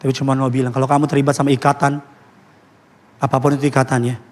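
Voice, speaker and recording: A man preaching a sermon in church as pastor, telling stories in a lively, joking way with English phrases mixed in. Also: mid-range voice, fast.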